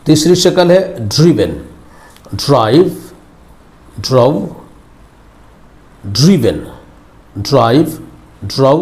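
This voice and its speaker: A man's voice: fairly high pitch, a little mellow. A man teaching English verb forms, repeating each word several times in formal, Urdu-flavoured Hindi. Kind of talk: slow recorded vocabulary lesson.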